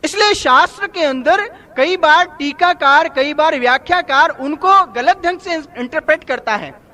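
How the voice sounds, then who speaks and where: A man's voice: very high-pitched, lively intonation, unhurried, bright, forceful tone. A man preaching a devotional sermon, explaining through parables and everyday anecdotes. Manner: storytelling, explaining with examples and anecdotes. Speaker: spiritual preacher.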